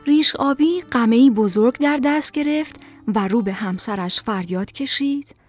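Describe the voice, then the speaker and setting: A woman's voice: fairly high pitch, faint music behind. A woman narrating a storybook expressively, at times dropping to a whisper.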